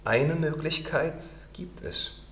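A man's voice: a little high, slow pace, a bit bright, echoey room, slight background noise, voice pushed up. A man voicing a grave, frost-damaged male red rose bush in a storybook reading, somber.

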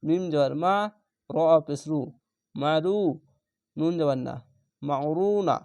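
A man teaching Quran reading, spelling out each syllable and then stretching the whole word slowly. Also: a little high, gravelly, darkish tone, no echo. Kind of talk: step-by-step spelling lesson.

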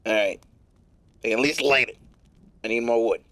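A man streaming a game live, giving profane, rambling running commentary in a put-on gravelly smoker's rasp. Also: mid-range voice, normal speed, fairly bright tone, no echo.

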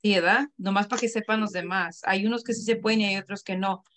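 A woman's voice: mid-range voice, steady tone, fast, fairly bright tone, slight background noise. A woman, a class participant, casually sharing a practical tip with the others. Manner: friendly, shares a practical tip.

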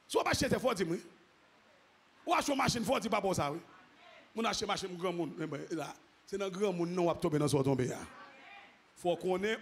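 A man preaching a sermon as pastor, repeating phrases and rising into shouted, half-sung exclamations. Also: high voice, husky. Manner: repetitive, call-and-response phrasing.

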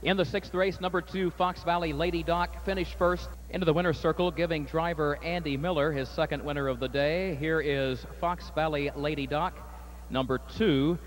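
A man announcing a harness race at an outdoor track, calling the field in a brisk, formal way. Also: on the high side. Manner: rapid rising race call, steady formal post parade. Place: outdoor racetrack. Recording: faint outdoor noise.

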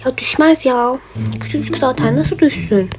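A woman voicing characters in a doll game role-play, lively and chatty, switching between them. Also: sits high, moderate pace. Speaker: role-play video maker. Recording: background music.

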